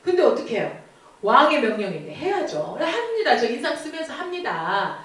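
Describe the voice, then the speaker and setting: A woman preaching to a youth group, retelling a scripture story with lively questions to the students. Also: sits high, normal speed. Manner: animated, asks the listeners questions. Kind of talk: storytelling sermon. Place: church. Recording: echoey church hall from far off.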